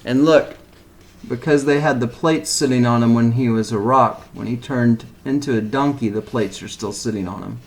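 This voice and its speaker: In a rough recording, a man with a mid-range voice reads a children's picture book expressively at a moderate pace. Like a teacher, he explains the story to young listeners with asides along the way.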